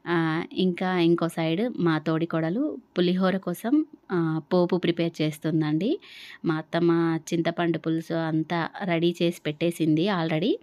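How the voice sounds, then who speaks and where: A woman's voice: lowish voice, unhurried, darkish tone, dry recording. A young adult woman narrating her vlog in a chatty way, with many fillers. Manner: conversational, uses many fillers. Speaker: vlogger.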